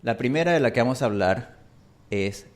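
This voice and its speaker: A native Spanish speaker gives a pronunciation lesson, enunciating carefully and drawing out his example vowels. His voice is medium in pitch and animated, and he moves at a moderate pace.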